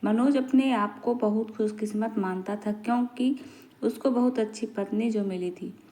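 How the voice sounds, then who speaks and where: A woman narrating a family story in a plain, even reading voice. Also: on the high side, normal speed.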